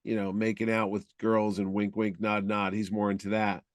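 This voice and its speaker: A man's voice: on the low side, level tone, moderate pace, dry recording, studio quality. A middle-aged man co-hosting a casual film-review chat, rambling and opinionated. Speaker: podcast co-host.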